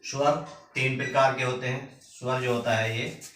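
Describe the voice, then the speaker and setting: A man teaching a grammar lesson, slowly repeating each term word by word as if for students to copy down. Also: mid-range voice, little pitch movement, a bit bright. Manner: slow, repeats words one at a time for dictation. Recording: echoey room, mic at a distance, faint noise.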